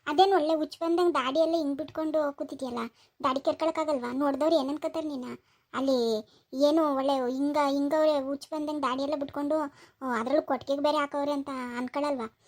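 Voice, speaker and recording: Young woman vlogger, high voice, chatty village tour. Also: fairly even intonation, a little fast, a little mellow. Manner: chatty, addressing viewers as friends. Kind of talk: comic village vlog.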